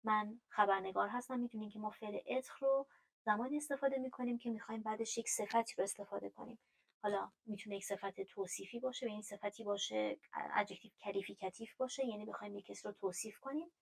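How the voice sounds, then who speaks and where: A Persian-speaking woman teaching a French grammar lesson, explaining patiently with frequent fillers and reading French verb forms aloud slowly. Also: mid-range voice, steady tone, vocal fry, rough recording.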